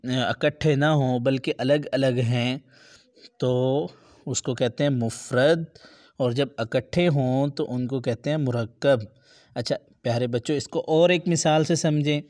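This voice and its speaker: A man's voice: medium pitch, darkish tone. A man teaching young children to read letters, explaining patiently with everyday examples and drawing out each letter sound. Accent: Pakistani Urdu. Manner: drawn-out demonstration of letter sounds. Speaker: Quran reading teacher. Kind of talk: children's lesson.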